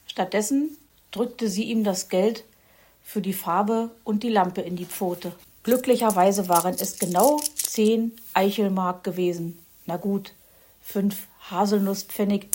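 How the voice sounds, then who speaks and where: Slow calm woman storyteller. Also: medium pitch, husky. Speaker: narrator. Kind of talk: children's audiobook narration.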